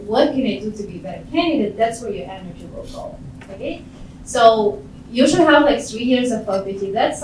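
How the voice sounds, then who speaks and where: A woman from Ukraine with a fairly high voice talks casually to a room of students, filling her sentences with "like" and urging them on. She is heard from some distance off the mic, in a very echoey room with a faint hiss behind her. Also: a little mellow. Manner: chatty, frequent "like" fillers, encouraging. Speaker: data scientist giving career advice.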